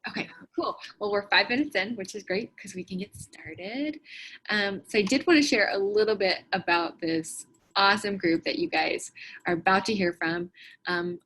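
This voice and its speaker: A woman's voice: mid-range voice, moderate pace, a bit bright, a little hiss or hum, poor audio. Woman host, live stream on a video call, chatty and full of ums. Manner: chatty, many ums and restarts.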